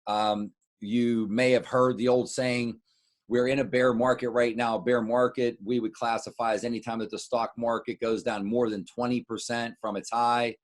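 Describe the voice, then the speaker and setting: Here a wealth adviser, a middle-aged American man, delivers a relaxed market summary to clients at medium pitch and in a flat manner. Asides interrupt his speech, which halts and repeats words.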